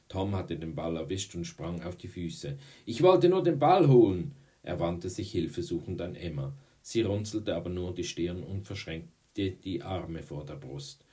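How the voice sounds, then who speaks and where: Deep-voiced man reading a storybook aloud. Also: mellow. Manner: frequent slips and self-corrections. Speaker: reader. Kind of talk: reading a children's novel aloud.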